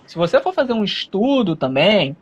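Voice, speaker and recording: A man from Rio de Janeiro state with a Rio Brazilian accent, answering as an interview guest in a measured, explanatory way with frequent fillers. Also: high-pitched, big pitch swings, highs cut off. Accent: Rio de Janeiro Brazilian Portuguese.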